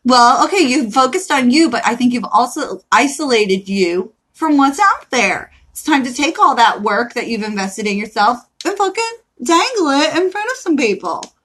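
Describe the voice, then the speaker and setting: A woman's voice: high voice, big pitch swings, moderate pace, a bit bright, breathy edge, poor audio. Emphatic, foul-mouthed tarot reader woman. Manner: emphatic, profane, pep-talk tone. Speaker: tarot reader hosting a live reading. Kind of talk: casual live-stream chat.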